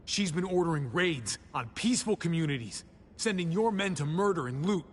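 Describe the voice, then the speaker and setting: A protective, earnest man, voiced by a man in a video game. He talks firmly with a lively, varied pitch over faint ambience. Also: normal speed, long reverb tail, slight background noise, close to an everyday voice. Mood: confrontational. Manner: earnest and firm. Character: protective man standing up to a leader.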